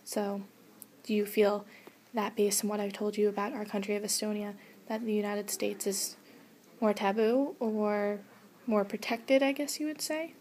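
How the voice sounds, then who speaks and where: A young woman interviewing someone, asking probing, halting questions. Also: mid-range voice, fairly even intonation, darkish tone. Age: young adult. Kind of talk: mock street interview.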